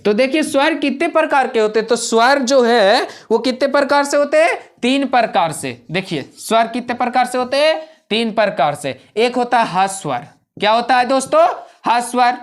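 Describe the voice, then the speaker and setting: A man's voice: extremely high pitch, fairly bright tone. A male teacher leading a grammar lesson, repeating each point again and again and quizzing his students. He stretches out vowel sounds to show how long they take. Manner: draws out vowel sounds in demonstration.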